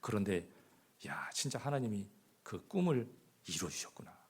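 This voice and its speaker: A man preaching a sermon as pastor, often asking the congregation rhetorical questions, swinging between loud emphasis and hushed asides. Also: fairly low pitch, big pitch swings, moderate pace, slightly rough. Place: church.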